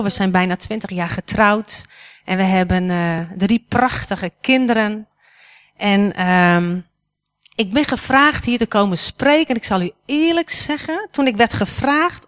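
A woman in her forties, a guest speaker giving a sermon in a church hall, who talks to the congregation in a conversational way and often asks them questions. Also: medium pitch.

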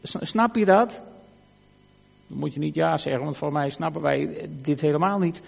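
Guy preaching in church, fairly high voice, long echo off the hall, earnest and goes soft n quiet a lot. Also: normal speed, creaky, soft background music. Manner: earnest, swings from emphatic to hushed. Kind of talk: sermon.

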